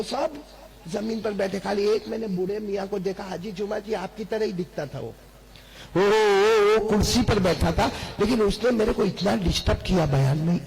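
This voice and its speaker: A man preaching a lively storytelling sermon to a large seated gathering, calling on the crowd to answer back. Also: high voice, vocal fry, rough recording. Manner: calls on the crowd to answer back, repetitive and animated.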